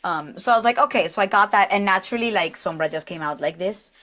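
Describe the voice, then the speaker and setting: A woman voice actress talking casually as an interview guest. Her voice is naturally low, and she speaks in an animated way with frequent fillers and sudden character voices. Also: quick pace.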